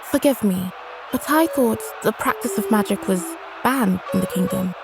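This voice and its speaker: [name], a woman voicing a soft-spoken British lady in waiting. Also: medium pitch, close to an everyday voice. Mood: proper. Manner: soft-spoken, slow and sure. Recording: music playing underneath.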